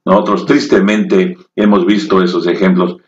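Male preacher, low voice, slow heartfelt sermon delivery, roomy muffled recording. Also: level tone. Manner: slow, emotive storytelling with rising dramatic peaks. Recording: echoey, dull lo-fi room.

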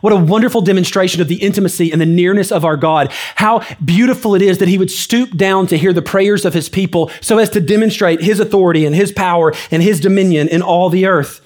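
Male pastor, fairly high voice, earnest expository preaching, moves between hushed and emphatic delivery. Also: fast talker, few pauses. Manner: earnest, reads scripture aloud then explains it; swings between hushed low phrases and raised emphatic stretches. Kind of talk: expository sermon.

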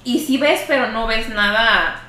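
Young mexican woman guest, bright ringing voice, lots of slang and cussing, echoey room. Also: fairly high pitch, unhurried. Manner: earnest, swears freely, lots of filler. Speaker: podcast guest. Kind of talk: casual chat. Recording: echoey room with faint noise.

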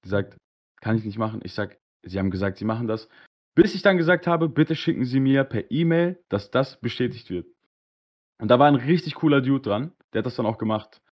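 A man with a voice in the middle of the male range tells a story on a casual live-streamed podcast. He talks in a slangy, animated way and plays out each side of a phone call. It sounds like laid-back chat between friends. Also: mid-range voice, brisk. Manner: animated, slangy, acts out both sides of dialogues. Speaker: podcast host.

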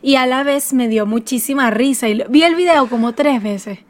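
A woman's voice: high voice, normal speed, slight background noise. A woman with a Venezuelan accent, co-hosting a podcast in casual, teasing chat. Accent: Venezuelan Spanish. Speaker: podcast co-host.

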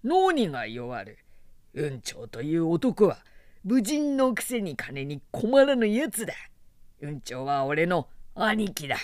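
Boastful drunk warrior guy done by a woman, gruff and blunt, slow and swinging up and down. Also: fairly low pitch, big pitch swings, no room sound, studio quality. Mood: swaggering. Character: drunken hot-tempered male warrior, bold and boastful.

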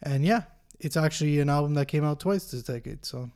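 A man co-hosting a casual music podcast, talking in a relaxed, informal way. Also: on the high side, a little fast. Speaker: podcast co-host. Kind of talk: casual chat about albums.

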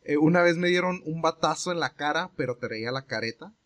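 A young Mexican man tells a long story in casual chat, relaxed and rambling, acting out the voices of the people involved. He speaks a little fast in a voice on the high side, with a Mexican Spanish accent.

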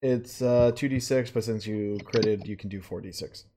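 A man running a tabletop game as game master over an online voice call, casual and quick to swear. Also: lowish voice, steady tone, noisy background. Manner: casual, swears freely, quick bursts of narration.

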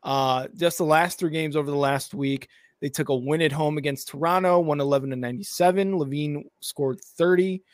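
Upbeat male host on a sports show, fairly high voice, dry sound. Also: steady tone, normal speed, hardly any pauses, no room sound. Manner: upbeat, laughs easily. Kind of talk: casual sports podcast chat.

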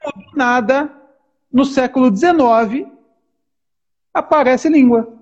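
A man, co-hosting a casual theological discussion, talking in an animated, emphatic way and repeating his points. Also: extremely high pitch, slow pace, muffled recording. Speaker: podcast co-host.

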